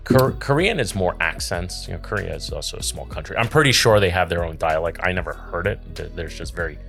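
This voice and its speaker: A man hosting a casual chat, chatty and agreeable, with quick affirmations. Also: low voice, lively intonation, gravelly, a bit bright, soft background music. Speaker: host.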